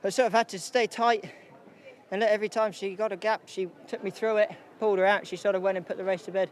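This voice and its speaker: A man's voice: high voice, fairly even intonation, quick pace. A male jockey answering questions in a casual post-race interview.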